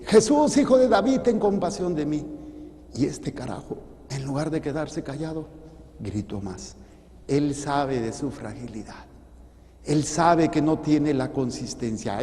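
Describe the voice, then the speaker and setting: Man, priest, Mexican accent, sermon, warm mellow voice, long echoing reverb. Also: medium pitch. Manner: animated preaching with rhetorical questions and acted-out quotes.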